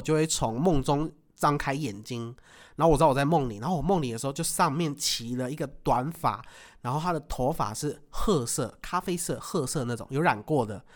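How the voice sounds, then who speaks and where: A man telling a story in casual chat, animated, laughing often and acting out what he said. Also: a little high. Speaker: podcast co-host.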